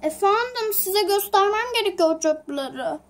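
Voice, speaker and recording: A timid office cleaner, voiced by a woman, in a homemade toy drama. The voice is very high. The cleaner speaks in a deferential, hesitant way. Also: lively intonation, moderate pace. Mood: polite. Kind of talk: toy-figure home drama.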